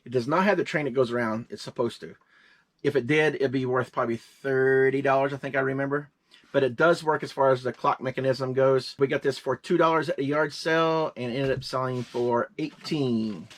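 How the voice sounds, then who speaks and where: Casting note: man, fifties, co-host of a reselling show, quick and rambling, jokes a lot, casual delivery. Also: medium pitch. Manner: rambling, joking, quick-talking. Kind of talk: casual chat.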